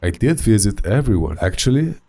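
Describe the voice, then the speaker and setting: Deep-voiced deadpan gameplay narrator. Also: male voice, brisk, slight background noise. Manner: deadpan, dry sarcastic humor. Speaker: gaming video narrator. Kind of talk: sardonic gameplay voice-over. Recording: game music underneath.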